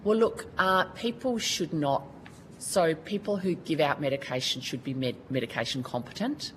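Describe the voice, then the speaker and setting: An Australian woman gives formal testimony at a Senate committee hearing, speaking earnestly and colloquially and restarting often. Her voice sits low and a bit bright at a normal speed, in poor audio with slight background noise.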